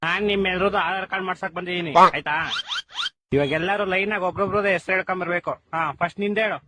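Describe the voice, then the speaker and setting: A man performing in a comedy skit, talking in quick playful banter. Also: high-pitched, steady tone. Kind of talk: comic skit dialogue. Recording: clear background noise.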